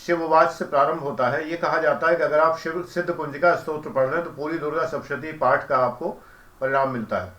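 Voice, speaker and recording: A man giving a calm, explanatory devotional lecture as a spiritual teacher, who chants mantras slowly. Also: fairly high pitch, echoey room.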